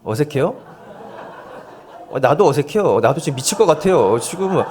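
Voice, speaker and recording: A male pastor in his forties uses a fairly high, expressive, darkish voice at a moderate pace while leading a volunteer seminar from the church pulpit. Holding a handheld mic, he jokes, gently coaxes the congregation, drops self-deprecating asides, and turns the sermon into audience games.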